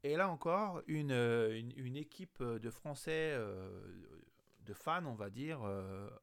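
A man with a gravelly, creaky voice talks through a casual news roundup. He pauses often, filling gaps and restarting his sentences as he goes. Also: medium pitch, expressive. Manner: hesitant, many fillers and restarts. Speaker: host.

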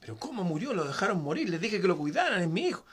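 A man's voice: fairly high pitch, sing-song, fast, vocal fry, pitched above the performer's own voice. A wise, fatherly old king in a spoken tale, played by a man telling the story, his voice lifted well above the storyteller's own. He turns pleading and anguished in his grief.

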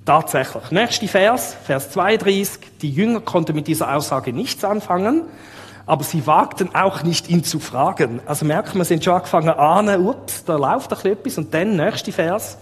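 A man's voice: sits high, animated, moderate pace. A man preaching a sermon with a Swiss German accent, talking conversationally and asking his listeners rhetorical questions. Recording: long reverb of a large hall.

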